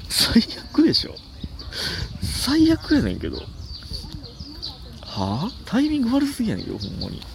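A young man with a Kansai accent chats alone on his comedy podcast, wandering from story to story and poking fun at himself. His pitch swings widely as he talks, with a gravelly, creaky edge. A faint hiss of noise sits under the voice. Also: fairly quick, pauses often. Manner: rambling, self-mocking, animated outbursts. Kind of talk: casual solo podcast chat.

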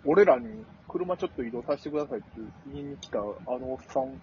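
A man's voice: mid-range voice, lively intonation, fast. A man with a Kansai accent, co-hosting a casual chat among friends and delivering playful, dry punchlines. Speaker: podcast co-host. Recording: dull lo-fi sound with faint noise.

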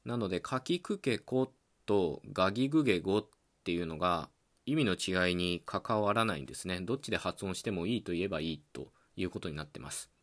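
A man hosting a podcast, explaining language points in a calm, patient, teacherly solo talk, often pausing on a filler between ideas. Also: low-pitched. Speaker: podcast host.

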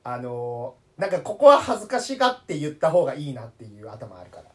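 A man's voice: fairly high pitch, sing-song, fast talker, breathy edge. A chatty man talking casually as a podcast co-host. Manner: chatty, self-confessed talker. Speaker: podcast co-host, theatre troupe member. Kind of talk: casual banter.

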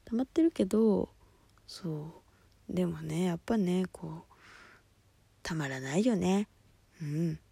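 A woman hosting a solo talk show, chatting casually, laughing often and dropping to soft murmurs. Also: on the low side, measured pace, creaky, pauses often, slightly rough, no room sound. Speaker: podcast host. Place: at home at night.

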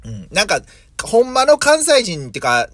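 A man's voice: sits high, huge pitch swings, moderate pace, fairly bright tone, dry recording, clean studio sound. A man in his thirties from Mie, Japan, hosting a casual solo podcast as a vegetable farmer, thinking aloud with many fillers and self-corrections. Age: 30s.

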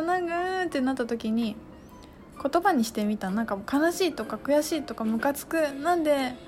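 Animated woman with a lilt. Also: fairly high pitch. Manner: animated, acts out her own outbursts and shouts. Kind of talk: casual spiritual monologue.

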